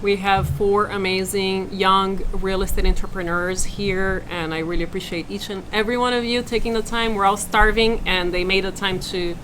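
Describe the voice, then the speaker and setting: A woman's voice: mid-range voice, steady tone, moderate pace, few pauses, a bit bright, slight background noise. A woman hosting a podcast, talking with an eager, upbeat manner as she opens and leads the interview. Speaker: podcast host.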